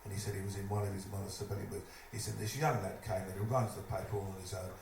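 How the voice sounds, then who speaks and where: A man telling a lively stage anecdote, putting on other people's voices as he goes. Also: low voice, quick pace. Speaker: storyteller at a live evening event. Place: live event venue, indoors. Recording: echoey room, distant mic, noisy.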